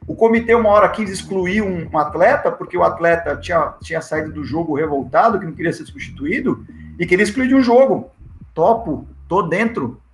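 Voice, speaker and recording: A man's voice: high voice, fairly quick, a little hiss or hum. A man with a Brazilian Portuguese accent, a football assistant coach telling stories in a casual interview and acting out the dialogue in them. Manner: lively, acts out the dialogue in his stories. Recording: echoey room with faint music.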